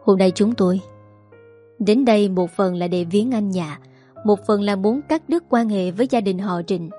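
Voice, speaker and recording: A woman's voice: mid-range voice, normal speed, warm tone, faint music behind, natural voice. A woman voicing a cold, haughty older in-law.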